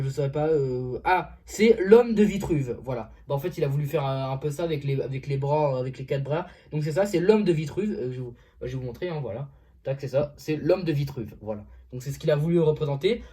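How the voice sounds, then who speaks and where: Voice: mid-range voice, dark tone. A music reviewer in a casual vlog, talking hesitantly with many fillers and restarts and often saying "voilà".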